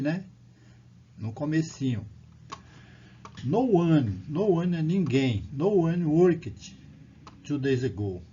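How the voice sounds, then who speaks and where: Mellow-voiced man teaching English grammar. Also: medium pitch, slight background noise. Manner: explains patiently in Portuguese, reads English lines slowly and loudly, repeats them. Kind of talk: recorded language lesson. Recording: dull lo-fi recording.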